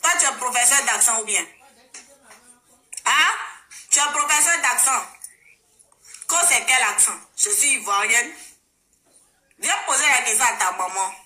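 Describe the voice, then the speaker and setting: A woman's voice: a little high, a little slow, long pauses, bright, forceful tone. A woman from Togo with a Togolese French accent, talking casually and emphatically on her live stream, rallying people and repeating phrases. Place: living in Germany. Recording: roomy echo.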